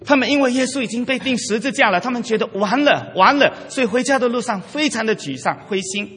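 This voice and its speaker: A man preaching a sermon into a pulpit microphone in a large church hall, speaking in short phrases and pausing so an interpreter can follow. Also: very high-pitched, animated, fairly bright tone, slightly rough. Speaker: pastor preaching. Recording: long hall reverb.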